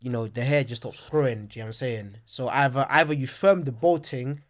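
A man talks casually in a London roadman accent, as on a podcast among friends. His speech is full of street slang and repeated check-in phrases, at a middling pitch. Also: fairly quick. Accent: London, urban slang. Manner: slangy, repeats "you know what I'm saying".

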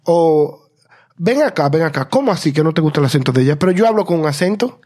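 Man, Spanish first language, higher-pitched voice, quick animated storyteller on a chat show. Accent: Spanish accent in English. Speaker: podcast co-host. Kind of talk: casual conversation.

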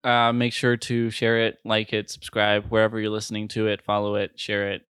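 A man's voice: on the low side, monotone, brisk, fairly bright tone, smooth, no echo. A man hosting a podcast in a casual, chatty way, with popping p sounds on a close mic without a pop filter. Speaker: podcast co-host and editor. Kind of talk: casual podcast sign-off and banter.

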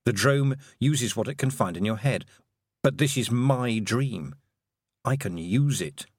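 Brave practical young girl, voiced by a man, clear and urgent. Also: medium pitch, lively intonation, measured pace, no echo, studio quality. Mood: thoughtful.

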